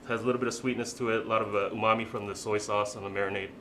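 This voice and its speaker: A man's voice: on the low side, flat delivery, racing, very noisy. A man, a chef, explaining the dishes in a plain, explanatory way in a studio interview.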